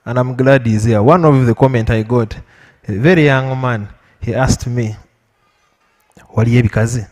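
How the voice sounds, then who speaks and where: Speaking off the cuff to an audience in a lecture hall, a panelist with a Ugandan accent answers in a measured, emphatic way, repeating points. His medium-pitched voice is a little mellow and slightly weakened by illness. Long reverb fills the echoey hall.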